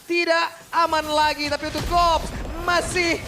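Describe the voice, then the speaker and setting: A woman with an Indonesian accent giving excited, animated esports caster play-by-play commentary. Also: extremely high pitch, measured pace, noisy background. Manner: animated, shouts names and key plays. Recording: loud music under the voice. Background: loud music.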